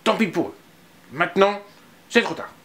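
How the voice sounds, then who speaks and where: A man's voice: sits high, lively intonation, moderate pace, fairly bright tone, pitched above the performer's own voice. A man voicing a small, stubborn boy who sulks and plays dead theatrically. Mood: sulky. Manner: sulky, indignant, theatrical.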